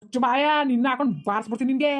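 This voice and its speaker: A woman's voice: fairly high pitch, slight background noise, close to an everyday voice. A woman voicing a drunk, abusive middle-aged village father who snarls threats, for a cartoon. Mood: angry. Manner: snarling threats, rapid scolding.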